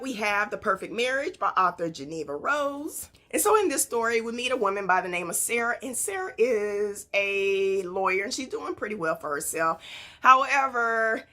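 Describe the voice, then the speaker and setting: Speaking at medium pitch in a bright, forceful tone, a woman presents a relaxed, chatty book haul to her viewers. She tells stories as she goes and tosses in rhetorical questions.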